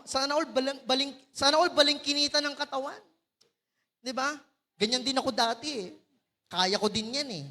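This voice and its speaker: A man with a Filipino accent preaching a lively sermon as pastor, calling out to the congregation. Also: very high-pitched. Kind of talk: Taglish sermon. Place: large church hall. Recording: long church reverb.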